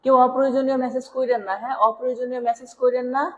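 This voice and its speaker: A woman's voice: sits high, level tone, very fast, dull audio. Bangladeshi woman teaching grammar live. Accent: Bangladeshi Bengali. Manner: explanatory, checks in with "right?", addresses viewers as "sir". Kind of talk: live online class. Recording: long reverb.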